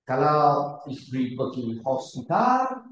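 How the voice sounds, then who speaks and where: A man preaching a sermon to a congregation, repeating words and shouting for emphasis, often putting questions to his listeners. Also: medium pitch, sing-song, slow, highs cut off, a little hiss or hum. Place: church hall. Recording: very echoey church hall, far from the mic.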